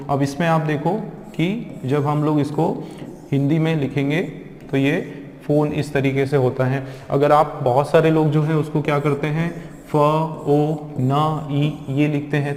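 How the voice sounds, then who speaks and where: A man teaching English pronunciation in a classroom lecture, drilling words slowly and repeating them aloud. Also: fairly high pitch, a little mellow. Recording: echoey classroom with long reverb.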